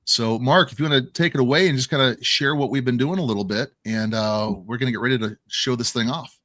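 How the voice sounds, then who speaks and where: A man's voice: medium pitch, fast, fairly bright tone, no room sound, clean studio sound. A man hosting a casual online chat, rambling and often repeating and correcting himself over a video call. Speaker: host.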